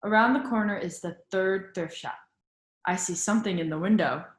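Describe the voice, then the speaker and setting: Echoing off the walls of the room, with slight noise in the background, a woman's medium-pitched voice reads a picture book to young children. She takes a teaching approach, asking questions along the way to encourage them to think.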